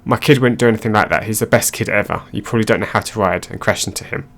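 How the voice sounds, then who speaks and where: A man's voice: lowish voice, fast talker, a bit bright. A man voicing a pushy, indignant mother who accuses a rider of hurting her son. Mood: accusing.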